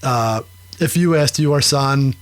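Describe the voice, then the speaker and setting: A man's voice: mid-range voice, slow pace, no echo. A man in his thirties co-hosting a podcast, talking loosely and swearing casually. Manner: loose and profane, trading references. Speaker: podcast co-host.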